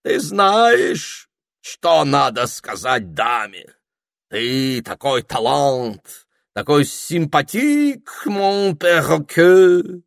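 A man's voice: very animated, extremely slow, no room sound, studio quality, heavily acted. Madame Hortensia, a man doing a shrieking French engine. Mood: flirtatious. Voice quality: husky, shrill, theatrical. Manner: dramatic, squealing, flirtatious. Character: fussy elderly French female steam locomotive.

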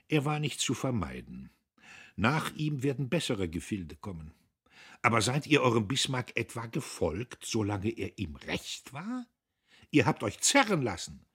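A man's voice: fairly low pitch, fairly bright tone, breathy edge, full character voice. A man doing a tipsy, grandiloquent old idealist. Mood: heated rhetoric. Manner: declaiming, grandly rhetorical. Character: drunk, sentimental, speechifying older liberal man. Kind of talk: audiobook reading.

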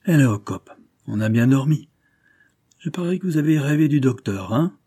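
A man voicing a gruff, mocking middle-aged ship skipper in a storybook reading, his voice raised higher and louder than his narration. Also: expressive, normal speed, dry recording, studio quality. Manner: gruff, teasing, then urgent.

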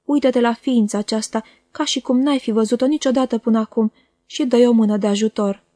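A woman reader voicing an earnest young man in grief, pleading with quiet seriousness in an audiobook. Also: a little high, steady tone, no echo, clean studio sound, natural voice. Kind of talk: audiobook character voice.

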